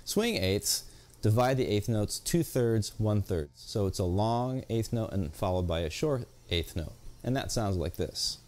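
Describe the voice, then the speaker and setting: A man's voice: lowish voice, animated, unhurried, a little mellow. A man giving a jazz guitar video lesson, explaining patiently and counting beats aloud. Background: guitar playing between explanations.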